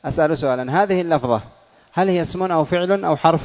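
A man's voice: fairly high pitch, rapid-fire, long reverb tail, dull audio. A male teacher giving a classroom grammar lesson, quizzing pupils and repeating their answers.

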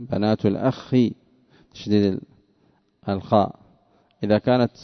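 A man teaching a religious class, explaining points slowly, restating them and quizzing his listeners. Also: on the low side, clean tone, no echo. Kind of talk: classroom lesson explaining scripture. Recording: dull lo-fi dry recording.

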